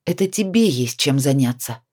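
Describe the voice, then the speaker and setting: A woman's voice: extremely low pitch, animated, moderate pace, darkish tone. A woman reading a storybook voices a drunk, despairing 42-year-old woman who whines and pleads. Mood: defensive. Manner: whiny, pleading, self-pitying.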